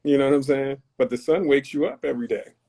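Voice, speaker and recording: This man, a podcast guest from Tarboro, North Carolina, speaks fast in a gravelly, darkish medium-pitched voice. His reflective conversation comes across as earnest and philosophical, edging toward preachy.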